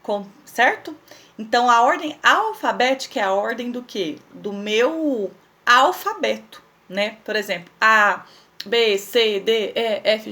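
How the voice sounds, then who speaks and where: A woman's voice: fairly high pitch, bright, forceful tone. A woman teaching young children in a recorded lesson, patiently spelling out words and asking questions she answers herself. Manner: patient, explains slowly and spells things out, asks questions and answers them herself. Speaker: primary school teacher.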